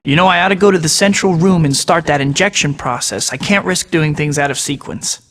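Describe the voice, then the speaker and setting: For a video game, a man plays a young masked web-slinging hero who wisecracks, now sounding focused as he mutters wry jokes to himself through each task. His voice sits on the high side, a bit bright and fairly quick, with a big-room sound.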